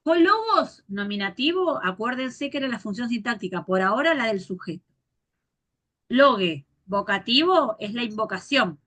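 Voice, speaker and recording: A woman teacher gives a grammar lecture, patiently repeating forms slowly and spelling out endings. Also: medium pitch, a bit bright.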